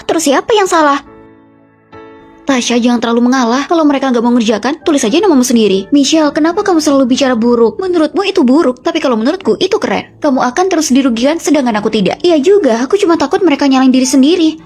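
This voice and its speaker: Brisk female dubber, high bright voice, rapid clipped reads for a short drama. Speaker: voice-over dubber of all roles.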